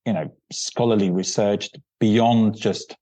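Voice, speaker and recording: Speaking slowly in a fairly low, dark, fairly even voice, this podcast guest hesitates and fills pauses often as he answers interview questions. He is a middle-aged researcher, Croatian-born and raised near Vienna, heard on a dry, dull, lo-fi remote line without room sound.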